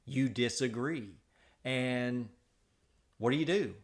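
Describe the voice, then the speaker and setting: Male podcast co-host, deliberate and halting, debating casually. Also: mid-range voice. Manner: halting, many restarts and fillers.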